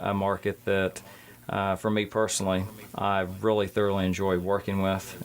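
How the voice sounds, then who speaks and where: A man who is a guest on a radio talk show, talking earnestly with frequent stammers and restarts. His voice is low and stays fairly flat in pitch. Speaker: motivational speaker guest. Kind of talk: casual radio interview.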